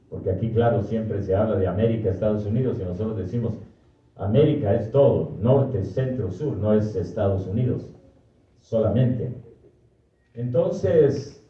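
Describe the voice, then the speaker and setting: An older man, a priest from Guatemala with a Guatemalan Spanish accent, giving a slow, thoughtful personal talk and often correcting himself. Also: fairly low pitch. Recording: distant, echoey, muffled hall recording.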